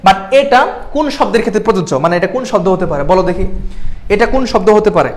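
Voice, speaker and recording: A man's voice: high-pitched, lively intonation. A young man from Bangladesh tutoring students in a live online class, asking them questions and checking in with them often. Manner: quick, keeps checking in with the class. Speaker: admission exam tutor.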